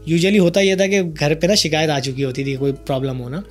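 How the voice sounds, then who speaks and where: Animated man telling stories. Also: on the high side, a little fast, soft background music. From Karachi, Pakistan. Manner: animated, lively storyteller. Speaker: podcast host. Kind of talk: casual storytelling chat.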